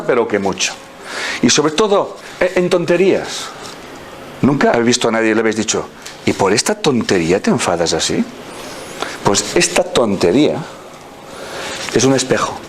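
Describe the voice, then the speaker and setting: Give me a man, middle-aged, with very expressive pitch, telling stories in a talk. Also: a little hiss or hum. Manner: storytelling, acts out quoted people in a higher voice. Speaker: speaker on personal growth. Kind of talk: lively motivational talk.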